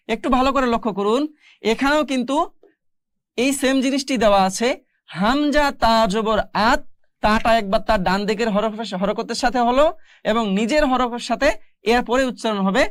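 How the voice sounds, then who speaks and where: A woman's voice: fairly high pitch, dry recording. Patient woman teaching Quran reading. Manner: slow, patient, repeats each syllable. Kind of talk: spelling out Arabic letters in a beginner lesson.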